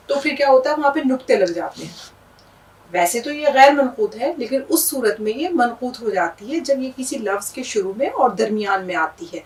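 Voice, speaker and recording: A woman's voice: fairly high pitch, distant mic, poor audio. A woman teacher with an Indian Urdu accent, patiently explaining words and letters with examples in a language lesson.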